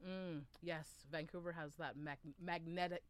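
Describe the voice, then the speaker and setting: A woman's voice: on the low side, steady tone, moderate pace. A woman hosting a radio interview, enthusiastic, gasping and stumbling over her questions. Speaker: radio host.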